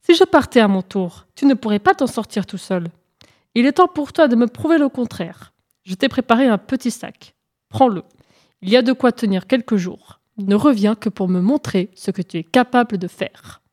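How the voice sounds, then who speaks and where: Loving but firm mother hare, woman reading, clear and louder. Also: on the high side, lively intonation, normal speed. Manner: earnest and firm.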